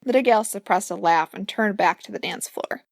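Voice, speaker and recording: A woman's voice: medium pitch, a little fast, creaky, no room sound, studio quality. A woman, the author, reading her own fairy-tale audiobook, playful and speaking asides to the listener. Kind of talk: audiobook narration.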